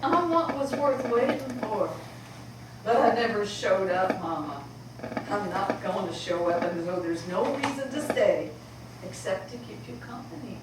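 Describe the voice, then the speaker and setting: A woman acting the part of a weary adult daughter in a stage play, speaking in a calm, measured, resigned way. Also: medium pitch, lightly acted. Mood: sad. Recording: echoey hall from far off, background noise.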